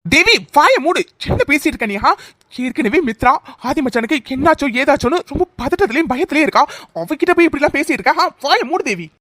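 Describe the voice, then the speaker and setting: A woman voicing a protective, outspoken young woman in a cartoon, firm and brisk. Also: sits high, animated, a bit bright, faint music behind, pitched below the performer's own voice. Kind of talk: cartoon voice acting.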